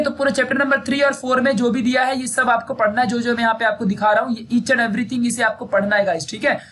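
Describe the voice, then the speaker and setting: Chatty indian-guy teacher going over the syllabus, high bright voice, bit of hiss behind. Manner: chatty, repeats "theek hai" often. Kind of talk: casual syllabus walkthrough.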